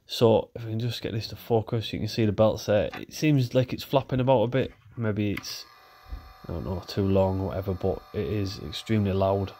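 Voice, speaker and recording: With a lowish, slightly fast voice that is nasal and stuffed up from a cold, a repair video host chats casually as he works with his hands through a repair. A little hiss or hum is audible.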